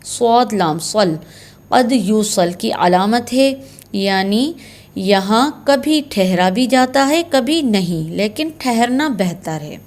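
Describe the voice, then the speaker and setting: A woman's voice: medium pitch, animated, slow pace, a little mellow. A woman teaching Quran recitation signs in a patient, step-by-step way, repeating key terms. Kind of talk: slow explanatory lesson.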